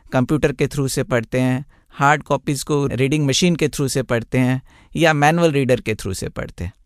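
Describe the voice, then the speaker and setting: A man, a blind tax consultant, answering radio interview questions in a measured, explanatory way with many examples. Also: on the high side, dry recording, studio quality.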